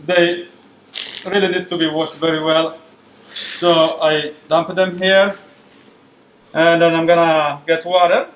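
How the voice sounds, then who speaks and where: A man from Ethiopia, a chef, explaining a recipe with a hesitant manner and many pauses. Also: fairly high pitch, level tone. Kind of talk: cooking demonstration. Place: kitchen. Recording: echoey kitchen, faint background noise.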